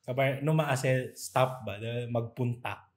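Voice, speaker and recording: A man co-hosting a relaxed podcast conversation. He tells his stories in an animated way and slips into playful impressions of other people. His voice sits at an ordinary middle pitch for a man. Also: slow. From Zamboanga, Philippines. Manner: animated storytelling with playful mimicry. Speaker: podcast co-host. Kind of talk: casual chat.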